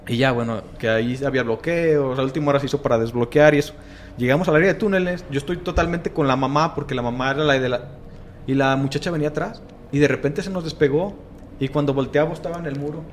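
Speaking fast at a fairly high pitch, a Mexican-accented man recounts a paranormal story while some faint hiss or hum runs underneath. As a guest storyteller who creates paranormal content, he chats casually with lots of slang and animatedly voices the people in his story.

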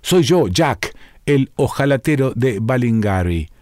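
A man voicing a cunning, stubborn male tinker in a read-aloud folk tale, speaking in a calm, sly, matter-of-fact way. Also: mid-range voice, unhurried, dry recording, studio quality, natural voice.

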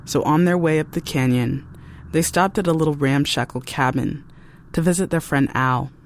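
A man giving scripted, measured documentary-style narration of a true story. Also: fairly high pitch, slight background noise. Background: music.

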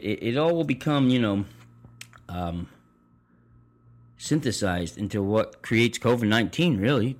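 A man in his forties holds forth in a loose, profane comic monologue with a conspiratorial bent. His voice sits at an ordinary middle pitch, and he drifts from one tangent to the next. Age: 40s. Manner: crude, profane, conspiratorial ranting. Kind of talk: rambling comedic monologue.

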